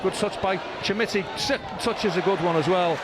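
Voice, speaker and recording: A man calling a football match play by play, with brisk, excitable calls of each move. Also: sits high. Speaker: match commentator. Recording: broadcast with loud crowd noise. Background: loud stadium crowd.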